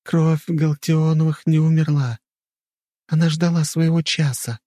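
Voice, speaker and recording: A man voicing the ghost of an old clan matriarch, speaking slowly and without emotion, in lofty measured phrases. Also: a little high, dry recording, voice pushed up. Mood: emotionless. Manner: flat, emotionless, like a recording; slow, measured, lofty pronouncements. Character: ancient female ghost, solemn clan matriarch. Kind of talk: audiobook character voice.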